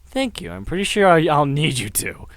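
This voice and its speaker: A man's voice: a little high, very animated, normal speed, dry recording. A man reading as an anxious young woman. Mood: worried.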